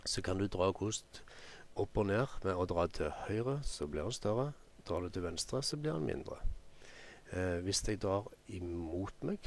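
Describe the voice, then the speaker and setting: A Norwegian man walks through a photo editing tutorial at an easy pace, pausing often with ums as he works. His voice sits low and has a gravelly edge. A faint hum runs under the recording. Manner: unhurried, thinking aloud with many ums. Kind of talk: screen-recorded software tutorial.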